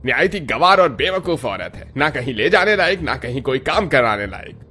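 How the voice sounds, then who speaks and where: A man's voice: mid-range voice, big pitch swings, normal speed, bright, forceful tone, faint music behind. Man voicing a grumbling scornful husband. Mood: contemptuous. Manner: dismissive complaining. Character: grumbling, contemptuous young husband.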